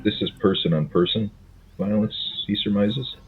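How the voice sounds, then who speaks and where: A man playing a tabletop role-playing game, talking casually and reasoning out his moves in a measured way. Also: fairly low pitch, narrow, tinny audio, soft background music.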